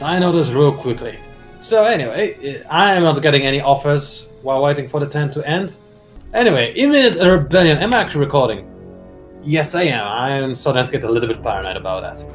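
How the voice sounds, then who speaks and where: A man hosting a casual gameplay session, teasing his opponent and explaining game mechanics as he plays. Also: a little high. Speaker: strategy game player, channel host.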